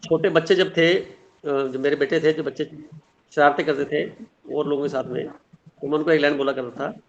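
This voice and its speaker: A man's voice: a little high, steady tone, a little fast. A middle-aged man teaching a spiritual class, explaining earnestly with everyday examples and sayings. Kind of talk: online class talk. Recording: dull lo-fi sound.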